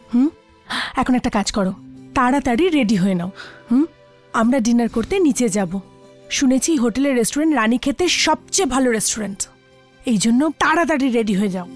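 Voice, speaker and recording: An actress playing an affectionate young wife in a dubbed TV horror drama, soothing and reassuring. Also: female voice, fairly high pitch, darkish tone.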